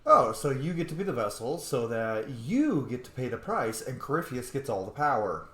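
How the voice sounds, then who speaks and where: With big pitch swings in a mid-range, slightly bright voice, this channel host narrates a let's play at a moderate pace. He's a video game streamer whose commentary is casual and informal, full of wry spoken reactions. Faint game sounds come through in an echoey room.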